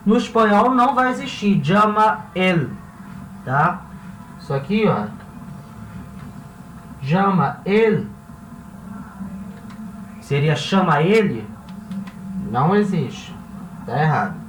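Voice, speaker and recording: A Brazilian man with a high, light voice explains grammar like a classroom teacher, often pausing to check in with "tá?" and "certo?". He sits a little back from the mic in a roomy space, with a faint hiss underneath. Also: far from the mic. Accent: Brazilian Portuguese. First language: Portuguese. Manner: slows down to spell out example words. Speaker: Spanish teacher. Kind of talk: classroom-style lesson explanation.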